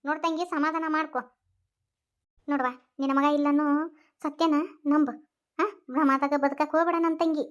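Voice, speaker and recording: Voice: high voice, flat delivery, brisk, long pauses, a bit bright. A voice actor playing a consoling elder sister in a village, with a North Karnataka accent. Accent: North Karnataka Kannada. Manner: soothing, coaxing.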